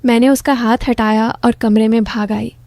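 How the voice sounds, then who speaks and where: A woman's voice: a little high, flat delivery, moderate pace, a little mellow, no room sound. A middle-aged woman narrating a first-person story in a confiding, intimate manner.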